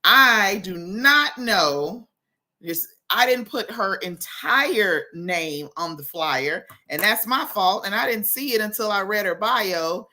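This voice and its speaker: Bright-voiced chatty woman hosting a show. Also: medium pitch, animated, a little slow, hardly any pauses. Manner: chatty, exclamatory, teasing. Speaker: show host. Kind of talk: casual talk show hosting.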